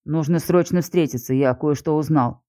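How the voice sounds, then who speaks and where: A woman's voice: low-pitched, mellow, lightly acted. A woman doing an anxious, urgent young man. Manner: urgent, hurried.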